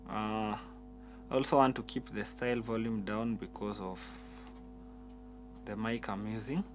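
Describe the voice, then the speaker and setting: With keyboard music playing in the background, a man who teaches piano explains keyboard settings one step at a time, frequently repeating words. His voice is lowish with vocal fry.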